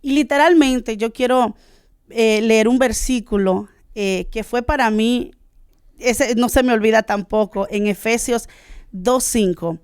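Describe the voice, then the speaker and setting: A woman's voice: a little high, a little slow, darkish tone, clean tone, dry recording, clean studio sound. Honduran woman giving a heartfelt testimony. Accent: Honduran Spanish. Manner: earnest, searching for words with many "este" fillers. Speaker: guest. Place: studio.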